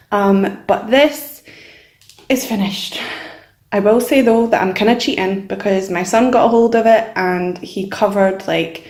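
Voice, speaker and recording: A young woman chatting casually and a little hesitantly as she hosts a vlog, informal and self-deprecating, recorded in a bare, echoey room. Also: mid-range voice. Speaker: channel host showing a sketchbook. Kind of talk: casual chat, vlog voice-over. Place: nearly empty room indoors with only a desk.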